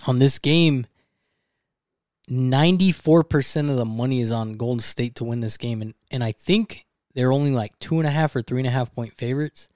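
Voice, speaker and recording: A young man co-hosting a podcast, telling a betting story in an animated, casual way and swearing freely. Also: medium pitch, normal speed, dry recording, studio quality. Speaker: podcast co-host.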